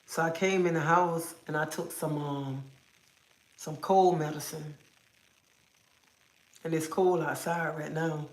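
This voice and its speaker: This livestream host speaks slowly in a low, steady voice, leaving long pauses. She's at home indoors, feeling sick as if a cold is starting, and she rambles and repeats herself in an echoey room.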